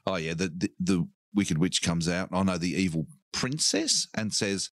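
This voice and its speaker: Aussie bloke with a real low voice spinning a yarn, gets loud and laughy, dry close mic. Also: male voice, moderate pace, no echo. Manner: animated storyteller, bursts into laughing shouts. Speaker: podcast co-host. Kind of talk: casual storytelling chat.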